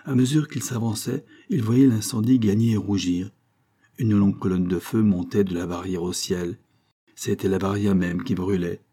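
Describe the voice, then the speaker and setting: A man narrates a classic novel in a low, dark voice with a husky edge. He reads steadily and evenly, lifting his pitch and volume for the characters' lines. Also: fairly even intonation, moderate pace. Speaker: audiobook narrator.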